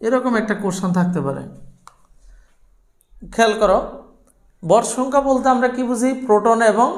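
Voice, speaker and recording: A man teaching a chemistry lesson to students, posing questions and answering them himself and repeating key terms. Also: extremely high pitch. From Bangladesh. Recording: roomy echo.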